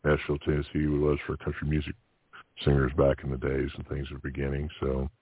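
A very deep, husky man is heard calling in to a radio show over a tinny phone line. He chats haltingly with fillers and restarts, then recites his own verse. The sound is dry and close. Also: monotone, no room sound. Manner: halting, many fillers and restarts when chatting. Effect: heard over a phone line on a radio call-in show. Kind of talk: poetry recitation and casual chat.

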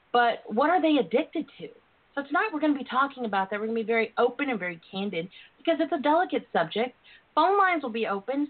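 Southern woman hosting over a tinny phone line. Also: on the high side. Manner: folksy, chatty, playful. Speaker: talk show host. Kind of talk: casual, candid radio talk.

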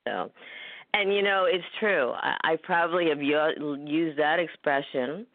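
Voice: mid-range voice, a little slow. Upbeat host who laughs a lot, tinny phone sound, no room echo. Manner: encouraging, laughs often, restarts sentences. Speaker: interview host. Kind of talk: casual interview. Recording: dry, phone-like line.

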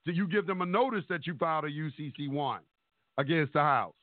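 A man's voice: on the high side, brisk, dry recording. A man with a blunt, profane way of talking, heard over call audio that keeps breaking up and going choppy. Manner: blunt, profane, loose grammar. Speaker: caller explaining legal paperwork. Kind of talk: casual explanation on a call. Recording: tinny phone-like call line.

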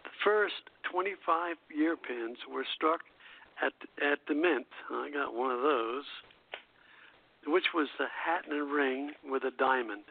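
An older man, his voice slightly high, creaky and unhurried, hosts a nostalgic radio show, shifting between scripted presenting and casual chat. The audio is narrow, like radio over a phone line.

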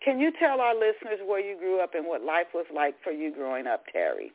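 A woman hosting a radio interview, talking in a halting way and often repeating her words. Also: fairly low pitch, sing-song. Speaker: radio show host. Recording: tinny phone-like radio sound.

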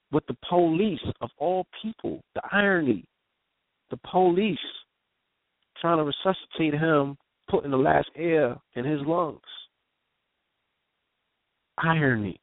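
Pausing often and speaking at a slow pace, a man with a slightly high voice tells an intense, vivid story of what he witnessed, as a guest sharing his own experience. His casual street slang is punctuated by "you know what I'm saying," and the raw account comes over a dry, tinny phone line.

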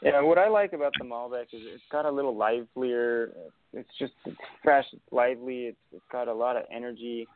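This is a casual interview chat with a young Argentine winemaker whose medium-pitched voice moves fairly quickly. He rambles, filling his speech with fillers and restarts, and the tinny phone-like line is dry with no room sound.

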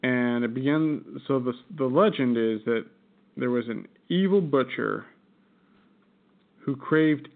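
A man's voice: mid-range voice, takes it slowly, creaky, long pauses. Rambling American man, tinny phone-like audio. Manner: laughing, rambling storyteller. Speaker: podcast co-host. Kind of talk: casual chat.

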